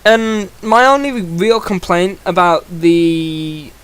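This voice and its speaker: Smooth-voiced young man chatting casually. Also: sits high, steady tone, slow, fairly bright tone. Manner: rambling and chatty, often restarting sentences. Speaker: comic book reviewer. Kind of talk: casual video review.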